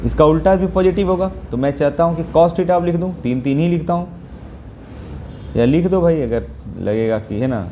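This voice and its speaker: At a whiteboard, a man explains trigonometry step by step in Hindi, weaving in English math terms and frequently checking on his students. His voice is on the high side and warm, at a normal speed, with slight background noise.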